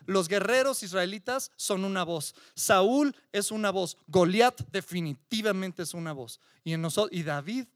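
Pastor preaching, kinda high voice, dry close sound, lots of repeating and questions. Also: male voice, no echo. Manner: emphatic preaching with repetitions and rhetorical questions. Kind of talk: sermon.

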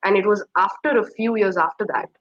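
A woman's voice: mid-range voice, a little fast, no room sound. A young woman from Kashmir, a guest in an interview, telling a personal story in a hesitant, reflective way with many fillers. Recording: slightly muffled dry recording.

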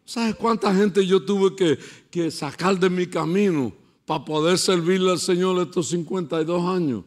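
A pastor preaching a sermon and telling stories, dropping to a hush and then building to shouts. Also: male voice, high voice, normal speed. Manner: storytelling, swinging from hushed to shouting.

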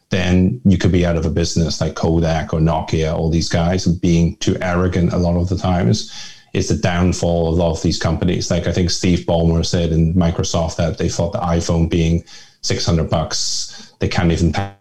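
A deep, mellow-toned man from Northern Ireland speaks as a guest in a conversational interview. He is middle-aged and reflective, and he wanders through his thoughts with frequent restarts. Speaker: guest, family office chairman.

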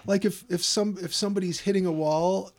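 A man's voice: high voice, fairly even intonation, a little fast. A man hosting a casual film podcast in a wry, joking way. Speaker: podcast host.

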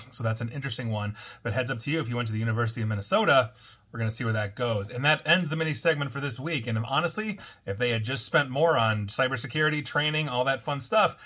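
A man's voice: medium pitch, bright, forceful tone. A man hosting a weekly cybersecurity news roundup, reading reports and adding wry, sardonic asides. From United States. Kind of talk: scripted news commentary with asides.

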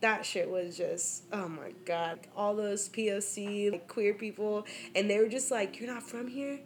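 A young woman talks in a casual interview, telling lively stories, swearing freely and laughing often. Her voice sits at a middle pitch, and faint noise hums under the recording. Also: unhurried. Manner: animated storytelling, frequent laughter and swearing. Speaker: rapper and DJ guest.

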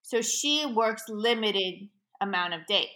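Bright, lively woman, forties, casual podcast co-host telling stories. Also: mid-range voice, takes it slowly. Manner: animated storyteller, laughs often. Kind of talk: casual chat.

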